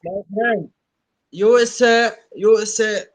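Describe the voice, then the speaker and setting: Man from Syria, high voice, halting livestream guest who repeats short words. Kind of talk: halting casual chat.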